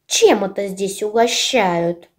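A woman reading a storybook aloud, voicing a pompous older crow who lectures the others in a lowered, commanding voice. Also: slow, close to an everyday voice. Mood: stern. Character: stern old know-it-all crow.

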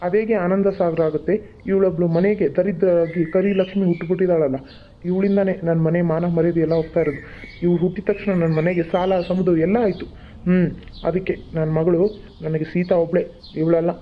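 Voice actor doing a scornful cartoon dad, middle-aged village father, quick-talking, slightly dull lo-fi sound. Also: medium pitch, steady tone, a little hiss or hum, lightly acted. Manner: scornful, cutting remarks. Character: harsh middle-aged village father who favours one daughter. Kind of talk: cartoon voice acting.

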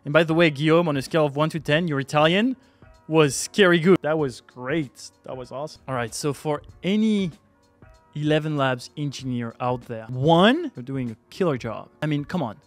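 A man's voice: on the high side, moderate pace, faint music behind. A man hosting a tech video, talking casually and teasingly to friends and to camera.

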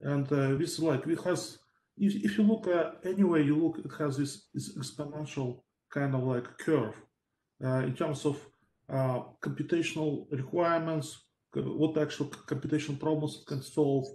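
A man's voice: fairly high pitch, fairly even intonation, normal speed, a little mellow, reverberant, low-quality recording. A man, a researcher on a panel over a video call, talking thoughtfully with many fillers and hedges.

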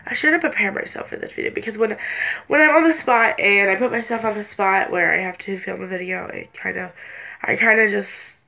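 Here a late-teen girl, close to 18, vlogs from a little bedroom, drifting through a hesitant, distractible chat with blocked-up sinuses. She speaks a little fast at medium pitch, her tone creaky, bright, and forceful.

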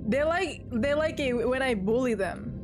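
A woman giving casual, reactive gameplay commentary as a streamer, excitable and slangy, often exclaiming. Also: high voice, a little slow, music in the background. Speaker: game streamer.

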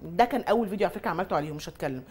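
On a talk show, a woman with an Egyptian Arabic accent, a mother and influencer, tells animated comic stories, imitating other moms and laughing a lot. Her voice is on the low side, slightly rough, and rapid-fire.

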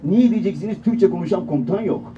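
A man with a high, mellow voice tells comic stories and acts out the people in them. He is heard from far off in a large, echoey hall. The sound is dull and muffled. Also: fast talker, a little hiss or hum. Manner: animated, acts out quoted voices. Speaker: stand-up storyteller, radio presenter. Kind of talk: comic storytelling on stage. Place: event hall.

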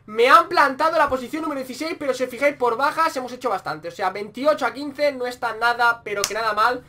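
A young man with a Spain Spanish accent giving excitable gameplay commentary, repeating phrases in quick bursts. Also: very high voice, a little hiss or hum. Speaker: gaming YouTuber.

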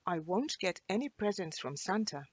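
A woman reading aloud in a high, childlike voice as a little girl at Christmas in a children's storybook. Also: very animated, moderate pace, slightly rough, dry recording. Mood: pleading.

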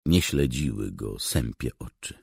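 A man reading an audiobook in a measured, scripted narration. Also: extremely low pitch, lively intonation, vocal fry, a little mellow, breathy edge, no echo, studio quality.

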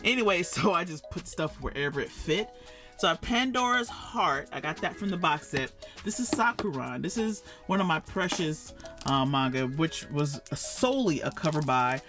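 A man's voice: on the high side, lively intonation, moderate pace, over music. A man giving a casual tour of his manga collection at home, chatty and self-correcting, laughing at himself and calling his viewers y'all. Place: home room with shelves.

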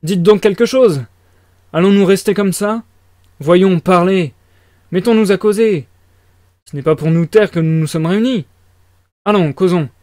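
A man's voice: a little high, moderate pace, a little mellow, dry recording, clean studio sound, natural voice. A man voicing an irritable feverish young student. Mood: shouting. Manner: abrupt, agitated outbursts. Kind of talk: audiobook reading.

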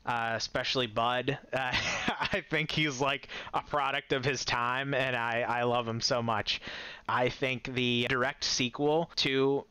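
A man's voice: mid-range voice, fairly even intonation, measured pace, bright, forceful tone, smooth, dry recording. A man giving a casual, enthusiastic movie-ranking commentary, chuckling often and rambling with restarts. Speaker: movie reviewer.

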